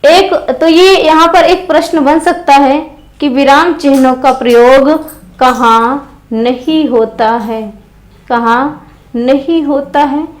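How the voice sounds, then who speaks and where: High-voiced woman teaching a grammar lesson. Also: steady tone, takes it slowly, low-quality recording. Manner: repeats key phrases and asks the class questions. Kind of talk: exam-prep grammar lesson.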